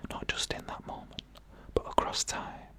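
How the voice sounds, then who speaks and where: Scary stories are read in a hushed ASMR whisper by the narrator who hosts a scary story show. Pauses break up the slow, deliberate phrasing.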